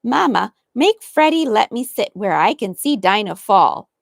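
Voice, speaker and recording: Small girl twin, eager, begging; a woman voices her in a storybook read-aloud, slow and lively. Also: creaky, no echo, clean studio sound, exaggerated voice. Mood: pleading. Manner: pleading, raised pitch.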